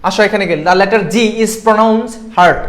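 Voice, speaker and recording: High-pitched and fairly bright, this young Bangladeshi admission exam tutor keeps a steady tone while teaching a live online class. He's quick and constantly checks in, putting questions to his students.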